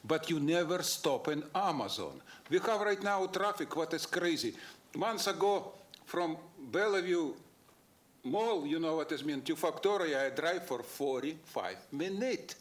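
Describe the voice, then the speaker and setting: A man's voice: on the high side, lively intonation, measured pace. Guy w ranting at a public meeting, broken english, combative. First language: not English. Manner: ranting, combative, rhetorical questions. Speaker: public commenter at a council meeting.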